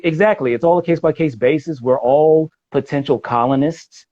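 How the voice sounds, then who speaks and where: A man's voice: fairly high pitch, moderate pace, dry recording. A man speaking in a casual conversation as a guest, discursive and arguing his point at length. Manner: discursive, argumentative. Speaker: podcast guest. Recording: dull dry audio.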